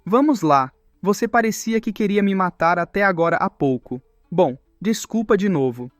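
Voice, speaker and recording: A young woman with brute strength who teases in a mock-sweet way, voiced by a man narrator. The voice is high and dry, with faint music underneath. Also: animated, moderate pace, no echo. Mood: teasing.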